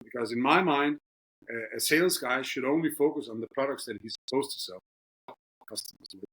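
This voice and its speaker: A man hosting a podcast interview, speaking casually and haltingly with many filler sounds. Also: mid-range voice, fairly bright tone, slightly rough, low-quality recording. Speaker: podcast host.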